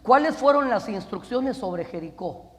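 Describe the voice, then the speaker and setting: A man's voice: high voice, animated, measured pace. A male pastor preaching a sermon, often calling his listeners "brother" and putting questions to the congregation. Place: church camp meeting hall. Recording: long hall reverb.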